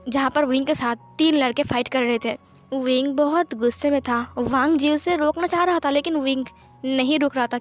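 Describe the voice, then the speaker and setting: High-voiced woman retelling a story. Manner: chatty, repetitive retelling. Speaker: storyteller explaining fan fiction. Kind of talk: casual story narration.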